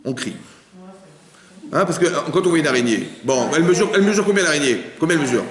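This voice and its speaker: A man, a rabbi, giving a religious lesson to a live group, talking in a lively way and asking the room many rhetorical questions. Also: a little high, fast. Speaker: rabbi teaching a class. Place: synagogue hall. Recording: echoey hall with long reverb.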